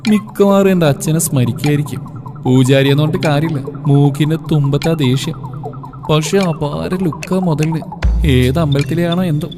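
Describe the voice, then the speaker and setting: Playful male story reader, high voice, long reverb behind. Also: normal speed, music in the background. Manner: lively, playful, comic. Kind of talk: first-person story reading with voices.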